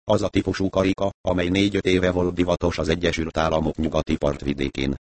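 Deep-voiced man reading an audiobook. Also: little pitch movement, darkish tone. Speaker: narrator. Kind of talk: audiobook narration.

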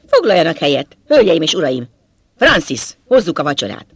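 A man's voice: very animated, gravelly, fairly bright tone, husky, no echo, heavily acted. A man reading a novel aloud, voicing a young male butler who has lost his composure and lashes out bitterly. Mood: mock cheerful. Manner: shrill, bitter outbursts. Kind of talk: audiobook character voice.

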